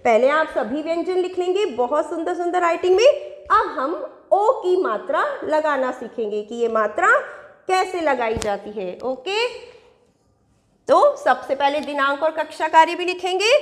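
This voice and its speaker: Slow, high-voiced woman teacher. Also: lively intonation. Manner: sing-song rhymes and call-and-response questions to kids. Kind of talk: children's Hindi lesson. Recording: echoey room with long reverb.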